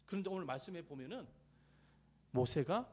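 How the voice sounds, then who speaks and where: A middle-aged male pastor preaching a sermon, swinging between loud rises and soft near-whispers, and acting out quoted voices. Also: a little high, animated, normal speed, breathy edge. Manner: acts out quoted voices in dialogue.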